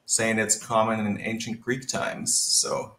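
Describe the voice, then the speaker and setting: A man talks through a Scrabble position in an analytical, think-aloud way. His voice sits low. The sound carries a roomy echo. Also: level tone, takes it slowly, pushed and bright. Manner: analytical, thinks aloud while reading the board. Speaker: Scrabble commentator. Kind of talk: live game commentary.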